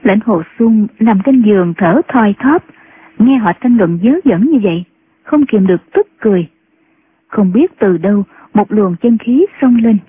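A woman narrating a martial-arts novel as an audiobook in a steady storytelling manner. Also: mid-range voice, measured pace, husky, no echo. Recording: tinny phone-like sound.

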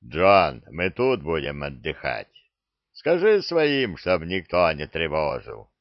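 A man voicing a gruff, blunt companion who speaks low and matter-of-fact. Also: huge pitch swings, slow pace, no room sound, lo-fi sound, full character voice.

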